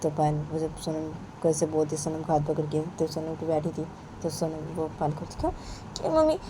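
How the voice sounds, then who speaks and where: A woman's voice: sits low, monotone, normal speed, background noise. A woman narrating a homemade story in a rambling, repetitive way.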